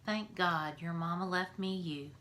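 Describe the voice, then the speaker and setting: A woman voicing a grieving, gentle preacher father who speaks slowly and softly. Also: fairly low pitch, slight background noise. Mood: soft tender. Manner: slow, soft and weary.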